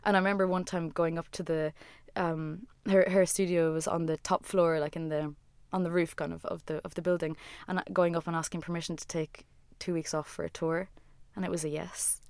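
A woman with a smooth, clear, slightly low voice, recorded close and dry. She chats casually as an interview guest, rambling and scattering "like" fillers through her sentences. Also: flat delivery, fairly quick, hardly any pauses, darkish tone, no echo. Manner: rambling, heavy use of "like" fillers. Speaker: guest, musician and former designer.

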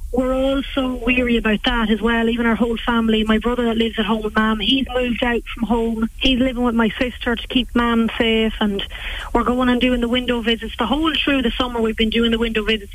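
Young Irish woman with a higher-pitched voice. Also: no echo, low-quality recording. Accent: Irish, Cavan. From West Cavan, Ireland. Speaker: nursing home healthcare worker, interview guest. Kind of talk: chatty, informal interview answers.

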